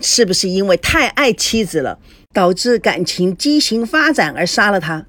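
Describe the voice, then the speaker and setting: A woman's voice: medium pitch, lively intonation, moderate pace, fairly bright tone, no echo. A woman voicing a nosy female bystander who gossips smugly and insinuates, in a storybook reading. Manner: smug, insinuating.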